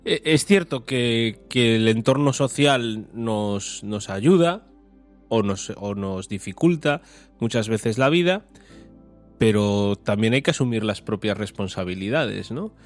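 A man's voice: on the low side, animated, soft background music. Jocular Spanish man chatting on radio. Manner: jocular, halting, self-correcting. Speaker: regular radio contributor. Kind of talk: casual radio commentary.

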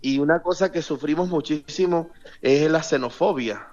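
A man's voice: on the high side, moderate pace, darkish tone, muffled recording, soft background music. A Venezuelan man, a parish priest, speaking earnestly as a guest in a remote radio interview and repeating words for emphasis.

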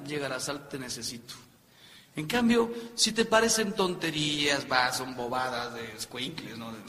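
A Mexican man with a high, bright voice gives a joking talk to couples, slipping into the voices of husbands and wives. His words ring with a long hall reverb over a faint background hiss. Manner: joking, acts out spouses' lines. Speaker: speaker on marriage. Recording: echoey hall with faint noise.

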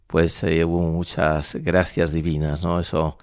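A man in his sixties from La Mancha in Spain, a priest, speaking thoughtfully with frequent pauses in a radio studio interview. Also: low-pitched, level tone, no echo. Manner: thoughtful, measured, with frequent hesitations. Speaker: priest and university rector. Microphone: studio microphone.

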